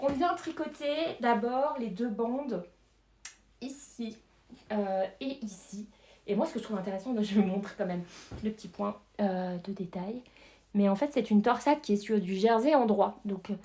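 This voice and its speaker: A woman's voice: on the high side, a little mellow, roomy sound. A woman chatting casually through a knitting pattern review, hesitant, with many fillers and small laughs. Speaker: knitting vlogger.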